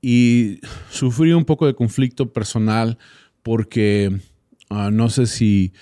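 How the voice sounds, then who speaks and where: A man's voice: mid-range voice, steady tone, slow pace, dark tone, dry recording, clean studio sound. A man from Texas with an American accent, a native English speaker, hosting a casual solo podcast and often hesitating as he searches for words. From Texas, United States. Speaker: podcast host.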